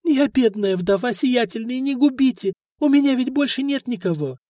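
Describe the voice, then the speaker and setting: A man voicing a poor middle-aged widow who sobs and begs in a high, wailing voice, as the reader of an audiobook. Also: moderate pace, warm tone, no room sound, studio quality. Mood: sobbing plea. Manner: wailing, tearful pleading. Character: poor widowed mother, sobbing, begging.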